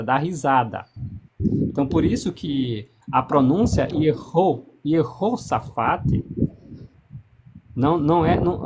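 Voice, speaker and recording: A man explains pronunciation in a casual discussion, often repeating and restarting words and spelling out sounds and letters. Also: on the high side. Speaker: explaining speaker on divine name. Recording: noisy background hiss.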